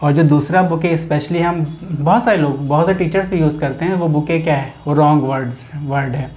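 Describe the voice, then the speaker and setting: A man's voice: a little high, normal speed, a little mellow. A man with an Indian accent teaching a grammar lesson, explaining step by step and answering his own questions. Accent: Indian English.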